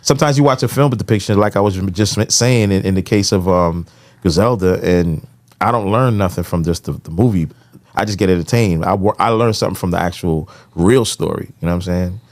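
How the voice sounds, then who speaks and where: A middle-aged man co-hosts a podcast in a casual chat, laid-back yet opinionated and heavy on fillers. His voice is deep and darkish, and he talks briskly.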